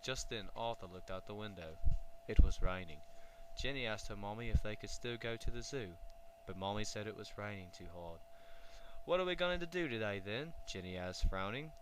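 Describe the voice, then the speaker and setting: A man narrating a children's storybook in a clear, even storytelling way, with a faint hum. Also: lowish voice, moderate pace, few pauses.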